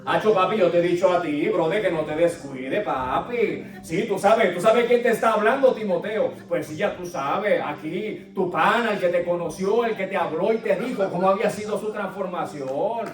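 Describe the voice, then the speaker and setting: A man's voice: high voice, normal speed, hardly any pauses, reverberant, distant mic, natural voice. A man playing the apostle Paul as a streetwise Puerto Rican buddy, with a Puerto Rican accent and a lot of slang. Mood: playful.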